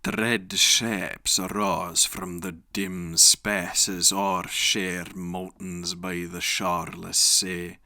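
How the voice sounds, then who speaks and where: A man solemnly and dramatically reciting epic verse in a reconstructed Elizabethan English accent, with measured, declamatory delivery. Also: low voice, gravelly, bright, forceful tone, dry recording, studio quality. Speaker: poetry reciter.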